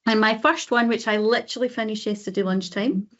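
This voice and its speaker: A woman's voice: on the high side, fairly even intonation, a little fast, a bit bright, muffled recording. A Scottish woman co-hosting a casual book podcast, chatting with lots of ums and uh-huhs. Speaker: podcast co-host.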